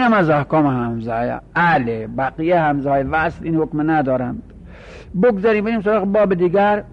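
A man teaching Quran recitation rules in a classroom lecture, explaining and repeating example words with drawn-out and clipped pronunciations. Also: on the high side, highs cut off.

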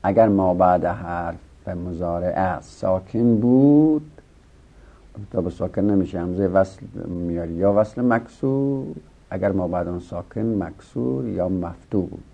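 Male grammar teacher with a lowish voice, patient and repetitive lecture delivery, muffled lo-fi audio. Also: creaky. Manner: explains step by step, repeats rules, asks and answers own questions. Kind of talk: classroom lecture. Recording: dull lo-fi recording.

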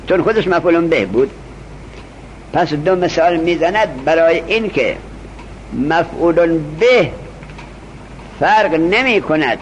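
High-voiced man teaching a class. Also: a little hiss or hum, poor audio. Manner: reads text slowly, then explains quickly and quizzes students. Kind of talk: classroom grammar lesson.

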